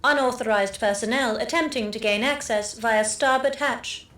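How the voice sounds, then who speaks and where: A woman's voice: fairly high pitch, reverberant, natural voice. Woman voicing a stern ship security computer. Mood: stern clipped. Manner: flat, measured status reports.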